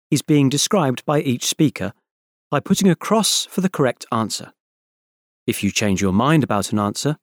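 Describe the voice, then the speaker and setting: A man's voice: mid-range voice, no echo, clean studio sound. A man reading scripted instructions and short factual passages as an exam announcer.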